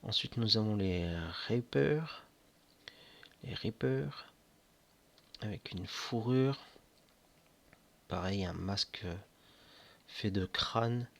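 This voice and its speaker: Slow, halting man showing miniatures. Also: fairly low pitch, vocal fry. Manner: slow, hesitant, many fillers. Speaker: board game reviewer. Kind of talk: casual unboxing commentary. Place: indoors at home near board games.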